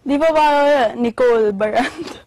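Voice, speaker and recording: A young woman vlogger in casual gossip chat, teasing and excitable, with sudden loud bursts. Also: on the high side, measured pace, a little hiss or hum.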